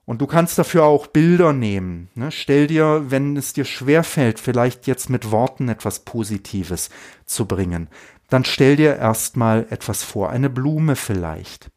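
A man teaches as a meditation teacher, speaking in a calm, unhurried way. His phrases often end in a soft, questioning "ne?". He sounds like a guided spiritual lesson. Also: mid-range voice.

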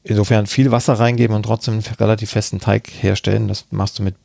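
A man's voice: on the low side, flat delivery, fast talker, gravelly, mellow, no room sound. A man, a bread baking expert, explains things at length in a podcast interview, thinking aloud with many fillers. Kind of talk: podcast interview answering questions.

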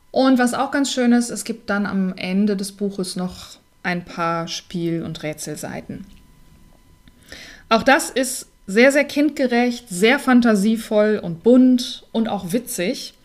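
A middle-aged woman talks through a children's book in an easy, informal review. She chats straight to the listener and gets animated whenever she reads the characters' lines aloud. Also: medium pitch. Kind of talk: casual spoken book review.

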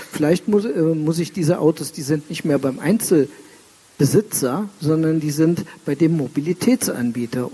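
A male panelist talks through his ideas slowly, pausing on fillers as he thinks. His voice is husky and mellow, with a dark, relaxed tone. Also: on the high side. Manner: thoughtful, hesitant with fillers. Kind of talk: panel discussion.

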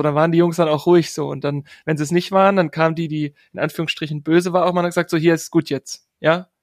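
A young man telling a story in a relaxed, chatty way with youthful slang. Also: fairly high pitch, no room sound, clean studio sound. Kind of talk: casual storytelling chat.

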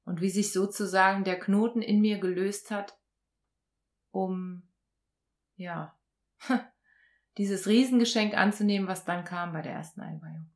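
Animated woman telling a personal story. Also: medium pitch, unhurried, pauses often. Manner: animated, acts out quoted dialogue. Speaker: interview guest.

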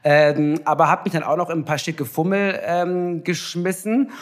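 A young man, a TV presenter, talking casually and reflectively as an interview guest, with many pauses and fillers. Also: fairly high pitch, fairly even intonation.

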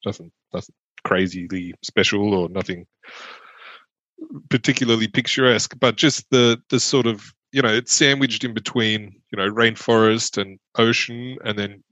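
A man's voice: on the low side, moderate pace, a bit bright, no echo. A young man co-hosting a casual travel podcast, talking hesitantly with many ums and restarts. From Australia. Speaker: podcast co-host. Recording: dull lo-fi sound.

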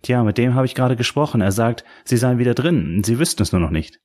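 A man's voice: mid-range voice, expressive, quick pace, a little mellow, natural voice. A man voicing a polite, hesitant male doctor who stumbles over his words in an audiobook. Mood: dry. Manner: hesitant and courteous, with ums.

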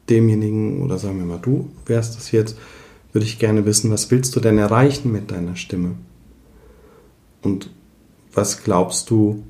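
Voice coach guy, mellow tone, explaining voice technique in an interview, roomy echo. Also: lowish voice. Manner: demonstrates voice techniques while explaining. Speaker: voice coach and speech therapist.

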